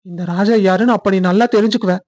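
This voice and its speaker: A woman's voice: mid-range voice, steady tone, fast, a little mellow, close to an everyday voice. A woman voicing a caring young man in a family cartoon, earnest and reassuring. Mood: scheming. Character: young man, caring groom and protective brother figure. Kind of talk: cartoon voice acting.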